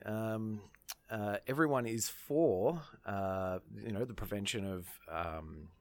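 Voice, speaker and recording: An Australian man in an informal radio discussion of current affairs, speaking in a halting, hesitant way. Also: lowish voice. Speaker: radio panellist.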